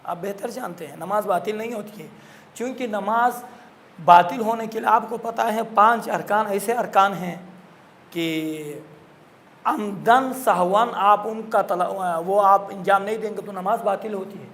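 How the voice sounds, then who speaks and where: A man's voice: high-pitched, a bit bright. A man teaching a classroom lesson on Quran recitation, explaining patiently and repeating his points.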